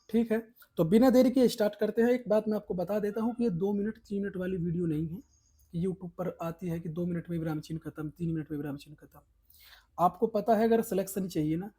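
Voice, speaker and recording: Dark husky-voiced male Hindi exam tutor. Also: high voice. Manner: emphatic, coaxing, repeats points with rising and falling stress. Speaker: teacher. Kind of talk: exam prep lesson.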